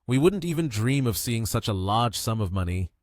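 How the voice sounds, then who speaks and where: A man doing a bossy sales director in a storybook recap who keeps shouting people out of his way, his voice jumping up high and loud. the delivery is lively and animated, and the dry, close sound leaves no room echo around the voice. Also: moderate pace, lightly acted. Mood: deferential. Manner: shouting, brusque.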